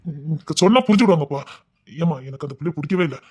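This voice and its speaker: A young actor plays a proud, stubborn village son in a family drama, earnestly and insistently pleading with his parents. His husky voice sits slightly high and has a darkish tone, and his words pour out quickly.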